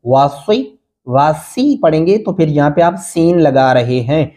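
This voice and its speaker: A man's voice: a little high, dark tone. A man teaching Quran reading, spelling out letters and vowel marks patiently and chanting the words drawn out. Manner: slow, patient drilling, sings recited phrases drawn out.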